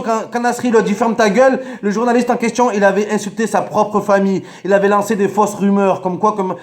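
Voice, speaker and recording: Animated high-pitched French man ranting. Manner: animated, mocking, repeated grandmother jokes. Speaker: vlogger. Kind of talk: rant to camera.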